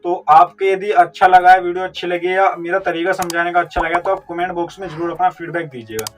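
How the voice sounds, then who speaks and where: A man's voice: high voice, steady tone, fast talker. A man teaching a vocabulary lesson, explaining step by step with memory tricks and answering his own questions. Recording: distant mic with faint music.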